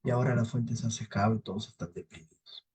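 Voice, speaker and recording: Husky man telling a folktale. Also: lowish voice, fast talker, poor audio. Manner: lively storytelling, frequent tag questions. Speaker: teacher of analytical psychology. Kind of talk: storytelling lecture.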